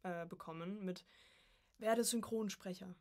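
This early-twenties voice acting student chats informally on a podcast, recounting her experiences in a laid-back interview style. She has a mid-range, somewhat dark voice with fairly even intonation and a measured pace.

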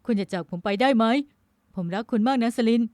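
A woman voicing a lovesick, teasing young navy man in an audiobook romance, loud and pleading in emotional moments. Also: fairly low pitch, moderate pace, no echo, close to an everyday voice. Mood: desperate.

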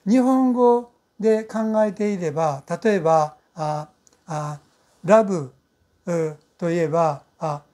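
A woman teaching English pronunciation in Japanese, speaking slowly and patiently with many fillers and drawn-out model sounds. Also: on the low side, dark tone. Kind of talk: recorded pronunciation lesson.

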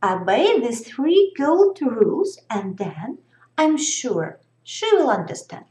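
A kind but stern fairy queen teaching rules, as a woman reading a storybook puts her on. She speaks slowly and firmly. The sound rings in a roomy space. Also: on the high side, big pitch swings, warm tone. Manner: measured, firm. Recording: echoey room.

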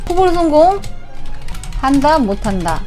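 A young woman streaming a video game in casual commentary, swearing freely and yelling at the game. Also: high voice, big pitch swings, unhurried. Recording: game music underneath. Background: game music.

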